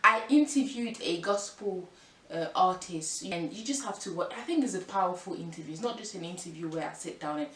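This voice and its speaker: A woman's voice: fairly low pitch, expressive, fairly quick, a bit bright. A woman in her twenties from France, vlogging in a casual, rambling way with lots of fillers and restarts. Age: 20s. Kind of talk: casual chat to camera. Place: room at home by a window. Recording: echoey room, mic at a distance, faint hiss.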